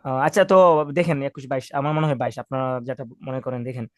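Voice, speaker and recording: A man's voice: medium pitch, fairly quick, no room sound, clean studio sound. A man teaching Arabic words to a class, patiently correcting pronunciation and leading call-and-response drills.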